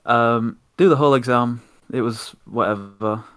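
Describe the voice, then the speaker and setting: A man's voice: medium pitch, a little slow, fairly bright tone, clear, resonant tone. A young man hosting a podcast, telling an exasperated, sweary story in casual chat. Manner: sweary, exasperated ranting anecdote. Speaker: podcast host.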